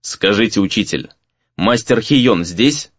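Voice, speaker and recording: Tired young apprentice, voiced by a man, polite and detached, plain pitch, dull sound. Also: very animated, normal speed, dry recording. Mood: weary. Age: young adult. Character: young male sorcerer apprentice, weary and polite.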